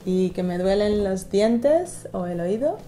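A woman's voice: medium pitch, animated, takes it slowly, mellow. A woman co-hosting a bilingual language lesson, playfully asking how to say things and laughing easily. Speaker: co-host asking questions.

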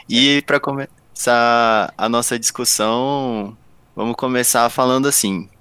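A man's voice: mid-range voice, steady tone, slow pace, pushed and bright, smooth, no echo. A man with a Brazilian accent hosting a podcast in a casual, conversational style. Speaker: podcast host.

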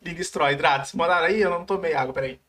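Young brazilian guy, high voice, rambling podcast host stammering through funny stories. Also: very fast, pushed and bright. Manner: storytelling, stammering restarts, acts out quotes. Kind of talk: casual chat.

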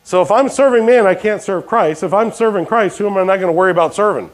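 A man's voice: sits high, fast talker. A pastor preaching a sermon, questioning his congregation and dropping jokey asides. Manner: call-and-response questions to the congregation.

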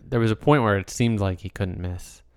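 A man's voice: fairly low pitch, moderate pace, smooth, dry recording, studio quality. A man co-hosting a podcast, chatting casually about movies and acting out people's reactions. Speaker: podcast co-host.

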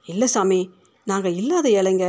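A proud, poor working mother who lashes out in anger, as a woman reads her. Her voice stays at a middle pitch but comes in hot, defiant bursts. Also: lively intonation, a little slow, darkish tone, natural voice. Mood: pleading. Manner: angry and defiant.

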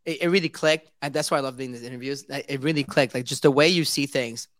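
A man's voice: mid-range voice, fast talker, fairly bright tone, dry recording, clean studio sound. A male host interviewing an artist, chatty and enthusiastic, laughing often. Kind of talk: casual interview chat.

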